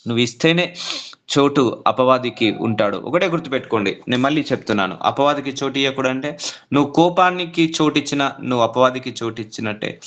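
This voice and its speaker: A man's voice: medium pitch, creaky, a bit bright, highs cut off. A man preaching a sermon as pastor, repeating phrases, asking rhetorical questions and slipping English words in. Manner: repetitive, rising emphatic preaching with rhetorical questions; mixes English words into his speech.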